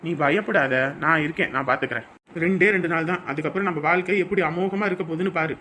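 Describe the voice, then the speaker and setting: A man's voice: fairly high pitch, fast, sharp tone, slight background noise. An actor playing a confident young man who reassures his anxious bride in a family drama. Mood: reassuring. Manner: reassuring, boastful.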